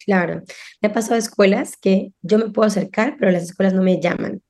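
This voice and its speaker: A middle-aged woman appears as a parenting guest on a podcast, talking casually and animatedly while acting out the voices of parents and children. Her voice is mid-range and her pace quick.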